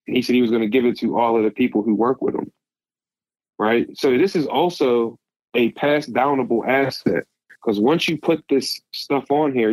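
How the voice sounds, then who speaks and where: A man with a mid-pitched voice chats casually on a podcast. He rambles emphatically as he hands out advice, and the sound is close and dry. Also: darkish tone, no room sound, low-quality recording. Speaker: podcast guest.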